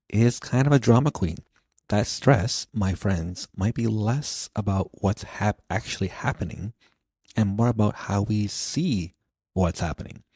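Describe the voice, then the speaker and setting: A man's voice: lowish voice, vocal fry, mellow, no echo. A man hosting a casual self-help podcast, joking playfully and often restarting his sentences. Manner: playful, jokey, with frequent restarts. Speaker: podcast host.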